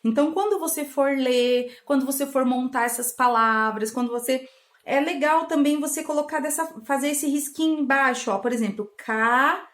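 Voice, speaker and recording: A woman with a high, bright-sounding voice talks parents through learning games at home. She is coaxing and playful, acting out little exchanges with a child. The sound bounces around the echoey bedroom she records in. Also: fairly quick. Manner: warm, coaxing, acts out playful dialogue with a child. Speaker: channel host giving parenting tips. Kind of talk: casual home teaching talk.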